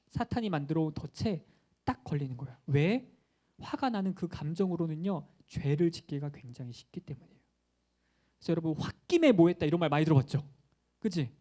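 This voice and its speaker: A man's voice: on the high side, warm tone. A young male pastor giving a playful children's sermon, asking questions and acting out quotes.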